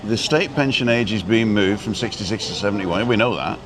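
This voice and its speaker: Out on a busy street amid loud crowd noise, a man from England in his sixties hosts a casual live walking stream. He speaks fairly quickly in a fairly low voice, chatty and rambling, dropping in plenty of "uh" fillers.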